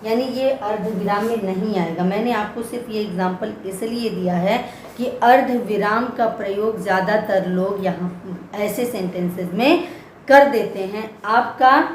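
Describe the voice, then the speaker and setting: A woman teaching a grammar lesson for children, patiently repeating example words one at a time. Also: mid-range voice. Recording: echoey room with faint background noise.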